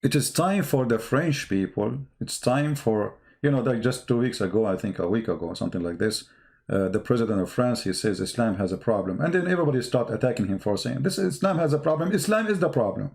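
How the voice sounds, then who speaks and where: A somewhat fast, medium-pitched man with lively intonation, vocal fry and a darkish tone gives impromptu polemical commentary online. English is his second language, and he speaks emphatically, repetitively, using rhetorical questions.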